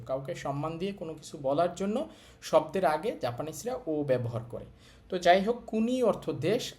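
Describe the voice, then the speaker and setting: A man's voice: on the high side, darkish tone. Bangladeshi male Japanese teacher. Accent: Bangladeshi Bengali. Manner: repeats words slowly, drawing out vowels. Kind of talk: vocabulary lesson.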